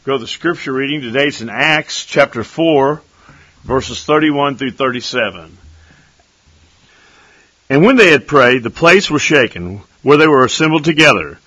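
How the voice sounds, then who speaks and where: A man reading scripture aloud in a measured, steady way, then closing with a short prayer. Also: mid-range voice, no echo, lo-fi sound. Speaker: scripture reader.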